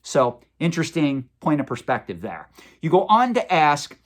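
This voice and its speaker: A man's voice: fairly high pitch, sing-song, normal speed. Sarcastic, opinionated vlogger man. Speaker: collectibles channel host. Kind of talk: Q&A vlog answering viewer questions.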